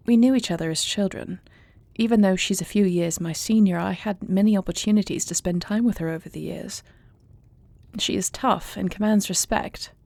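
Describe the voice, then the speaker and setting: In an intimate fantasy audio roleplay, a woman plays a thoughtful, devoted warrior princess, speaking in formal, measured, eloquent phrases. Her medium-pitched voice is warm with vocal fry, and there's no room sound.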